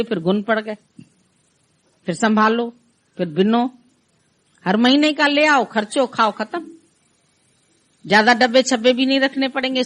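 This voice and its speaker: A middle-aged woman giving a conversational devotional talk, acting out her listeners' complaints in quoted voices. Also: on the high side. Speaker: spiritual teacher.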